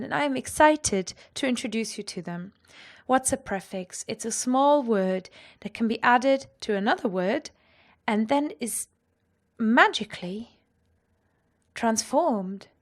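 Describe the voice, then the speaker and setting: A woman teaching a language lesson, explaining clearly and with enthusiasm and carefully pronouncing German example sentences. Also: fairly high pitch.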